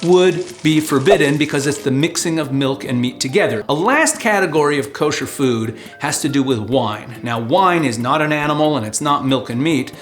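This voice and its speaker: Higher-pitched man explaining, music behind. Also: animated, moderate pace, hardly any pauses. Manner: clear, didactic, step-by-step. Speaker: rabbi answering questions. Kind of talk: scripted explainer lesson. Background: background music.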